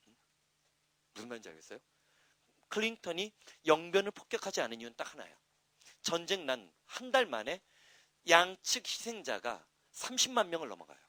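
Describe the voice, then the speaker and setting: A middle-aged man teaching an English grammar class, talking fast and loosely, asking questions and answering them himself. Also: on the high side, no room sound. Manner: lively, talkative, asks and answers his own questions. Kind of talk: classroom lecture.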